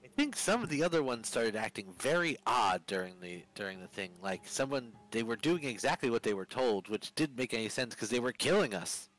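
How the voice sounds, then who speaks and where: A man playing a halting young vampire prisoner. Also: mid-range voice, expressive, a bit bright, soft background music, close to an everyday voice, poor audio. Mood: wary. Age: young adult. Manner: hesitant, halting, trailing off. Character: young male vampire prisoner, former sailor, evasive. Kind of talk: tabletop role-play in character.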